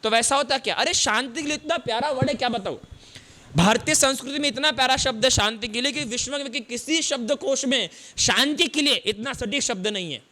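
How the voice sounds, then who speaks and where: High-voiced monk preaching, keeps asking the crowd questions then answering. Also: male voice, brisk, bright, forceful tone. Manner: asks the audience questions and answers them; explains word meanings step by step. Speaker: Buddhist monk. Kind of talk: sermon.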